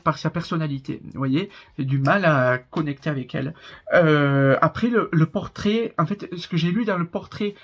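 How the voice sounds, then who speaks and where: Young man, southern French accent, fairly high voice, rambling reaction chat, slightly muffled recording. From southern France. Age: 20s. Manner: chatty, rambling, laughs often. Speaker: reaction YouTuber. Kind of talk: casual reaction commentary.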